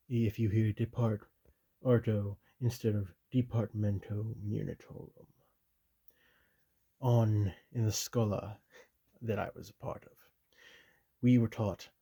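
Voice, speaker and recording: A man voicing a stern, loyal commissar who reads a military handbook aloud in whispered role-play, measured and officious with dry asides. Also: fairly low pitch, mellow, breathy edge.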